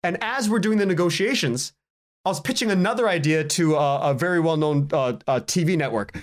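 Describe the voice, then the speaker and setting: This is a fairly quick, higher-pitched man from Canada, appearing as a podcast guest. Chatty and animated, he tells casual stories, acts out quoted conversations, and chuckles while speaking.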